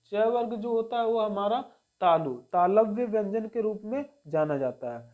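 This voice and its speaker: A man teaching the Hindi alphabet, slowly sounding out each letter and repeating key points. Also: sits high, animated, narrow, tinny audio. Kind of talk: Hindi grammar lesson.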